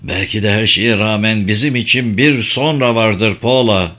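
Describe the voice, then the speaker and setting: A man voicing a determined, weary male archaeologist in a storybook reading, speaking low and steady. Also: moderate pace, close to an everyday voice. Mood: urgent, steady.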